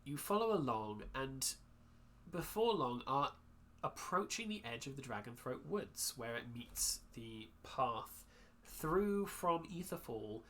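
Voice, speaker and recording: A man narrating as dungeon master of a tabletop game, chatty and quick to laugh. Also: medium pitch. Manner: lively, laughing often while describing the scene.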